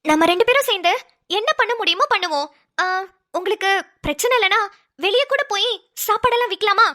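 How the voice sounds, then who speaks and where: A tender-hearted middle-aged mother in a homemade cartoon, voiced by a woman. She talks gently and motherly, in a very high, bright, ringing voice. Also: a little fast. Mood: gentle.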